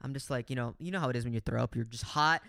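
This young podcast co-host tells a story in casual conversation, rapid-fire and animated, with plenty of swearing and acted-out versions of his own lines. His mid-range voice carries vocal fry, and the recording is dry and studio quality.

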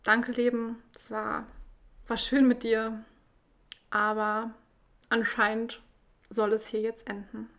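A woman telling a personal story in a reflective, measured way, with frequent pauses. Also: on the high side.

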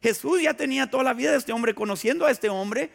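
A man preaching a sermon with a high, gravelly voice. He talks like he is chatting with the room, telling lively stories and asking the congregation question after question. A long reverb trails behind his words, as in a church sanctuary. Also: fast talker. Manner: conversational preaching with vivid storytelling and rhetorical questions. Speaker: pastor.

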